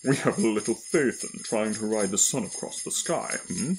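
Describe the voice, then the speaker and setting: A big old Santa Claus, as a male storyteller puts him on, booming and hearty. The voice sits fairly low and swings up and down with jolly, chuckling storybook cheer. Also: expressive, normal speed, soft background music, poor audio. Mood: jovial, kindly. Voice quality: loud, booming.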